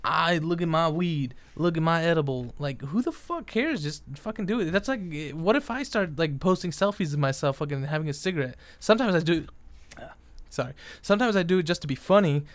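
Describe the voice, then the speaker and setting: A man's voice: on the high side, big pitch swings, fairly quick, dry recording. A young man in a casual, profane, rambling rant, exasperated and full of fillers and restarts. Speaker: vlogger.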